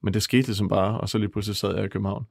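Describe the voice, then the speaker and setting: A man working as a press photographer, retelling events in a halting, vivid way during an interview. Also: on the low side, fairly even intonation, vocal fry, darkish tone, dry recording, studio quality. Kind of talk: interview storytelling.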